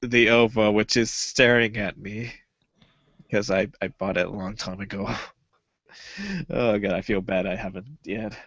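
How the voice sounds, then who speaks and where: A man's voice: fairly low pitch, flat delivery, unhurried, a bit bright, no room sound. A young man co-hosting a podcast in casual chat, rambling with lots of fillers and hesitations. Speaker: podcast co-host. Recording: dull lo-fi podcast audio.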